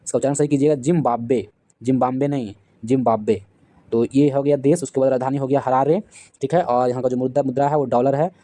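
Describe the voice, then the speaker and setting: A man teaching an exam-prep lesson, quizzing listeners with repeated questions and slowing down to spell out names. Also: medium pitch, dark tone, no echo. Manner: drills facts with repeated quiz questions. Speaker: current affairs teacher.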